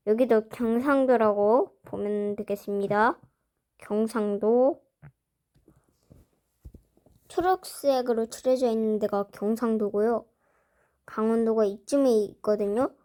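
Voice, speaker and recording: A woman vlogger slowly narrating as she draws a map, musing aloud and talking to herself as she works. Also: fairly high pitch, darkish tone. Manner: slow, musing, talks to herself while drawing. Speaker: drawing vlogger. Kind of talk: casual narration while drawing a map.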